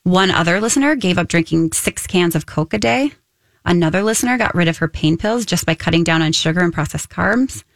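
A woman's voice: fairly low pitch, lively intonation, brisk, no echo. A woman co-hosting a nutrition radio talk show in a chatty way, often chiming in to agree.

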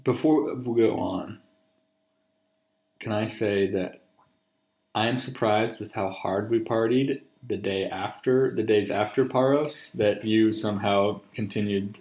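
This man, thirty years old, jokes and teases casually as he hosts a recorded conversation with his partner at home, the two of them at the kitchen table during a meal. His voice is fairly low, a little slow and a little mellow. Echo fills the roomy home recording.

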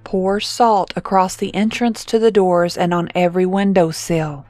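A woman plays a serious teenage best friend in a spoken horror story, in a lowish, level voice close to the reader's own. She gives orders with steady, grave authority over faint music, dry and close. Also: unhurried, no room sound, lightly acted. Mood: urgent.

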